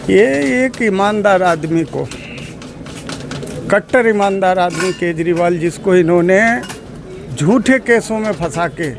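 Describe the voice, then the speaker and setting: A man's voice: sits high, measured pace. A man being interviewed on the street, speaking with passion and emotion and calling the reporter "brother" again and again. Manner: emotional, addresses the reporter as "bhai sahab" over and over. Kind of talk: impassioned street opinion. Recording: loud crowd noise outdoors.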